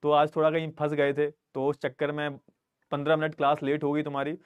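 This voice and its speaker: A man's voice: on the high side, monotone, fairly quick, clean tone, no room sound, narrow, tinny audio. A man teaching a casual live online class from a studio, who talks to his students in a friendly, chatty way and keeps checking that his audio comes through. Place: recording studio.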